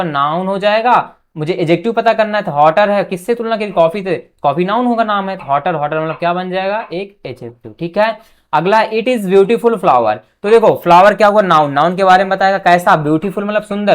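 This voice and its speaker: A male teacher giving an exam-prep grammar lesson. He asks the class a quick question and answers it himself, dropping softly on each answer word. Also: high-pitched. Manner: quizzes students with quick questions, then answers them himself.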